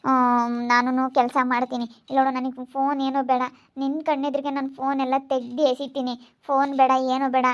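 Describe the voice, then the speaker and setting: A woman playing a high-voiced pleading young wife. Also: lo-fi sound, lightly acted. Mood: begging. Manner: pleading, tearful. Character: desperate young wife begging to stay. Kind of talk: amateur family drama skit.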